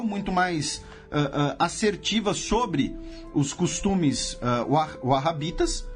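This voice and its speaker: A Brazilian man hosts a podcast and explains history in a casual, lively way. His voice sits fairly high and swings widely in pitch. He throws in rhetorical questions and sarcastic asides over faint background music. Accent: Brazilian Portuguese.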